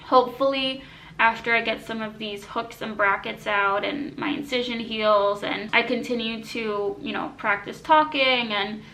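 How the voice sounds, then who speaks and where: A woman's voice: a little high, fairly even intonation, unhurried, bright, forceful tone, a little hiss or hum, rough recording. A woman vlogger giving a casual, matter-of-fact personal health update, her speech slightly constricted by braces and rubber bands.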